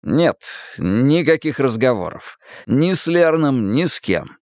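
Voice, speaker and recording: In a dry, studio-quality recording, a man voices a stern, wounded, unyielding father for a dramatised audiobook. His mid-range voice swings widely in pitch as he speaks slowly, firmly and bluntly, commanding and exasperated.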